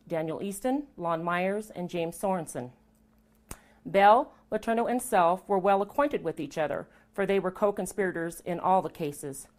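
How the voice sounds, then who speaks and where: An older woman from Colorado reading a prepared statement as testimony, firm and indignant, with pointed asides. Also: fairly low pitch. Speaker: interviewee giving testimony.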